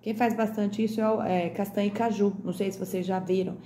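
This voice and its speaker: Woman slowly sounding out words. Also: mid-range voice, fairly even intonation, dark tone, echoey room, a little hiss or hum. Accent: Brazilian Portuguese. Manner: slow, over-articulated sounding out of words for children. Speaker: teacher. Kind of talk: remote classroom lesson.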